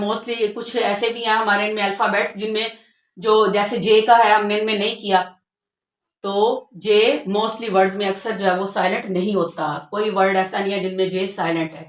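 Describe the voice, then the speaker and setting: A woman teaching a spoken English lesson, patiently explaining rules and repeating each word twice. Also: medium pitch. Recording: echoey room.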